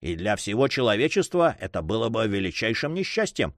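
A polite, earnest young suitor of noble bearing, voiced by a male reader. His lines move with lively intonation. The recording is dry and close. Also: on the low side, a little fast, dry recording. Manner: courteous, earnest.

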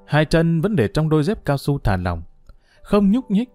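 A man's voice: on the high side, huge pitch swings, moderate pace, darkish tone, dry recording, soft background music. A man narrating a story as an audiobook, reading expressively.

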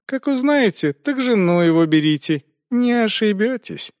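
A man's voice: high voice, animated, moderate pace, darkish tone, no echo, studio quality, voice pushed up. A man voicing a cynical older monk giving sly, knowing advice.

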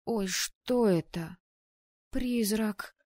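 A flustered young heroine from another world, quick to indignation. Her voice is soft and mellow in a dry, close recording, as a woman reader plays her. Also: lowish voice, dry recording, close to an everyday voice. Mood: frightened. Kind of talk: audiobook narration.

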